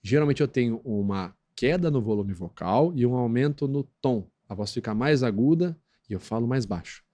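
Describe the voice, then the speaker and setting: A man's voice: lively intonation, normal speed, mellow. Man with a Brazilian accent explaining patiently. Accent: Brazilian Portuguese. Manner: didactic, peppers talk with tag questions; acts out quoted voices in a high squeak. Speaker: guest expert on lie detection. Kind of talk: explanatory podcast interview talk.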